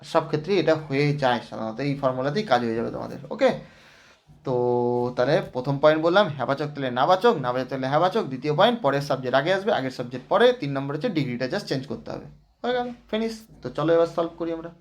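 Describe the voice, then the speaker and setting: A man's voice: a little high, expressive, racing. A man teaching grammar as a lesson, explaining step by step and asking rhetorical checks. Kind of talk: classroom lesson.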